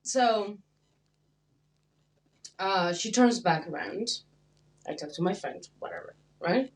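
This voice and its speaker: A woman's voice: mid-range voice, lively intonation, takes it slowly. Young woman co-hosting a casual chat. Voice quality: laughs often, acts out quoted exchanges. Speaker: podcast co-host.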